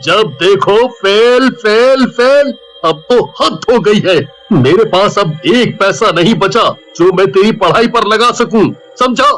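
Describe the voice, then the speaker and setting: A middle-aged father in a cartoon story, reproachful and emotional. He speaks slowly in a raised, fairly high voice. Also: animated, faint music behind, low-quality recording. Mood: angry. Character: struggling middle-aged father, stern then remorseful. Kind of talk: cartoon voice acting.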